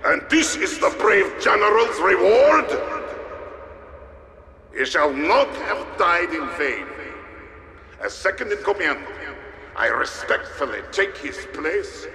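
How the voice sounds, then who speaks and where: Pompous Soviet commander in a booming echo. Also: male voice, big pitch swings, creaky, a crowd in the background, full character voice. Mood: solemn, vengeful. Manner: pompous, threatening, slow oratory. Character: menacing Soviet military commander, pompous and vengeful. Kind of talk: dramatic video game villain acting. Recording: echoing hall with long reverb, music behind.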